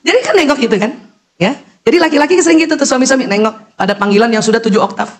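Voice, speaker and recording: Gender: woman. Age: middle-aged. Style: lively parenting lecture. Pitch: high. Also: very fast. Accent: Indonesian. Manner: animated, acts out calls and quotes, talks directly to mothers in the audience. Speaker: doctor giving a parenting talk.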